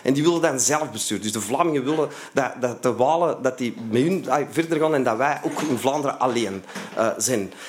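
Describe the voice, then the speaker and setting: A man with a Flemish accent telling a personal story in an animated way, with many fillers and restarts. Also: mid-range voice, brisk. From Flanders, Belgium.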